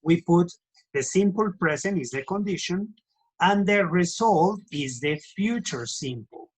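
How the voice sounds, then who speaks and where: Husky bilingual teacher, man. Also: high-pitched, lively intonation, slow, low-quality recording. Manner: switches between English and Spanish, corrects himself often; checks in with students constantly. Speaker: English teacher. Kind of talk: online grammar lesson.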